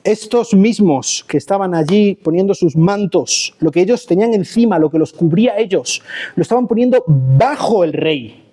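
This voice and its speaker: A middle-aged pastor from Spain, preaching a sermon and acting out quoted pleas with sudden jumps in pitch. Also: male voice, lively intonation, moderate pace, mellow.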